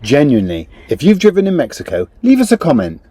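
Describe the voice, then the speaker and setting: A man's voice: a little high, wildly swooping pitch, fast, creaky, warm tone. A man from the UK co-hosting a travel vlog, easygoing and laughing often. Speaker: travel vlogger. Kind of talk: casual travel vlog chat.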